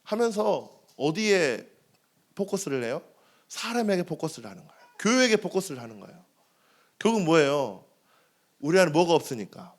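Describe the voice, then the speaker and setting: A man's voice: a little high, very animated, moderate pace. A male pastor in his thirties preaching a sermon in a church, asking the congregation questions and answering them himself. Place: church sanctuary.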